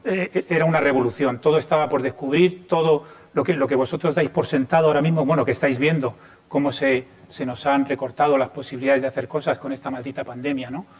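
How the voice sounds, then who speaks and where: A man in his fifties, from Chile, giving an informal talk to students, pausing often with fillers and restarts. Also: medium pitch. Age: 50s. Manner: hesitant, many fillers and restarts. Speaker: lighting designer giving a talk.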